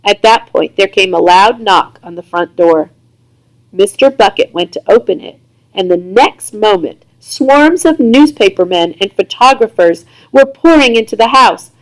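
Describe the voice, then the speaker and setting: A woman reading a children's book aloud chapter by chapter, in an expressive storytelling manner. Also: medium pitch, unhurried, poor audio. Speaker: reader.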